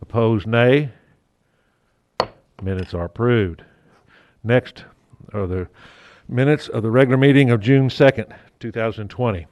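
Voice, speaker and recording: A man chairing a city council meeting as mayor, his voice muffled through a face mask, talking haltingly with fillers and the odd joke. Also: medium pitch, darkish tone. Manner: halting, with fillers and restarts, lightly joking.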